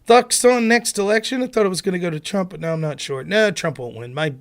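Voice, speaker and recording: A Pennsylvania man hosts a casual livestream from home on a headset, talking fast in a high voice. He grumbles to himself, swears mildly and shares blunt political views.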